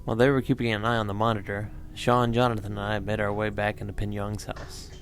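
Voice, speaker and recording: A man's voice: on the low side, little pitch movement, fast, fairly bright tone, slight background noise. A man narrating a paranormal documentary from a script, telling it as one of the investigators. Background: guitar music.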